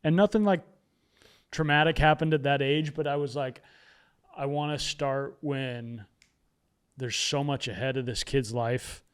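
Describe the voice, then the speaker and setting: In a relaxed, reflective chat, an author and podcast host sits in as a guest and opens up about himself with self-deprecating jokes. His voice is medium in pitch and clean, and he speaks a little slowly.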